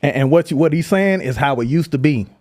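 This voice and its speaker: A man's voice: a little high, animated, fast talker, darkish tone, dry recording. Earnest man on a dry mic. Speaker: guest. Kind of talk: casual conversation.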